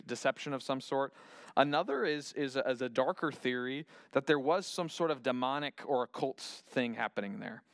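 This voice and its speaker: Male Bible teacher, chatty and imaginative, with a smooth, clear voice recorded close and dry. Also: mid-range voice, fairly bright tone, dry recording. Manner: imaginative, thinking aloud, many restarts. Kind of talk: casual Bible lesson retelling.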